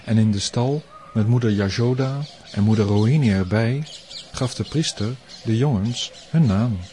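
A man reading a storybook aloud as narrator, in a calm, measured, explanatory way. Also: fairly low pitch, slight background noise.

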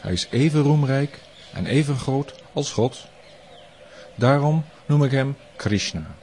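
A man voicing a solemn, wise old grey-haired priest in a storybook reading, speaking earnestly and in hushed tones. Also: mid-range voice, expressive, unhurried, slight background noise, voice pushed up.

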